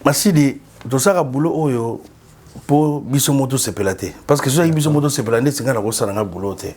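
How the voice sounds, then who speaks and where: Speaking briskly at medium pitch, a Congolese man with a Congolese French accent is an animated, repetitive guest in a casual interview. He moves between French and Lingala, and he's captured on a studio microphone.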